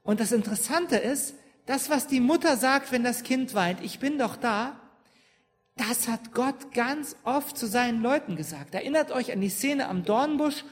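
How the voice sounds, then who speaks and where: A woman's voice: on the high side, animated, moderate pace. A woman pastor giving a sermon to her congregation, often asking them questions and checking in with "ja?". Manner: engages the congregation with questions and frequent "ja?". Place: church. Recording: long church reverb.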